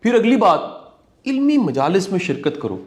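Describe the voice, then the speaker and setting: A man's voice: high voice, very animated. A man giving earnest, preachy commentary on a talk show.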